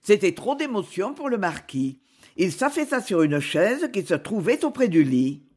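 A woman reading a chapter of a classic novel aloud in a measured, expressive storytelling manner. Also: medium pitch, slightly rough. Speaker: audiobook reader. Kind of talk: scripted narration of a novel.

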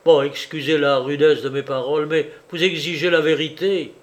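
A male reader voicing a troubled young man who answers in hurried, jerky, bitter phrases, in a spoken novel reading. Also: on the high side, fairly even intonation, close to an everyday voice.

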